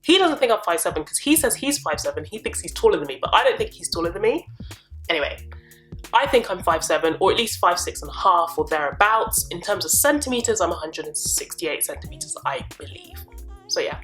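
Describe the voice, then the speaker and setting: A young woman talks through personal questions in a relaxed, rambling vlog. Her voice sits a little low for a woman, and she fills the gaps with ums and quick laughs. Faint music plays behind her. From born in Uganda, grew up in South East London. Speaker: property investor and vlogger. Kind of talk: casual get-to-know-me vlog.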